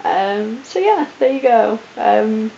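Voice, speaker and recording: Speaking slowly but expressively, a sleep-deprived young woman rambles through a casual viewer Q&A with a fake posh British accent. Her croaky voice runs on the high side with a dark tone, and ums and restarts pile up. The recording is dull lo-fi from an echoey room, with faint hiss.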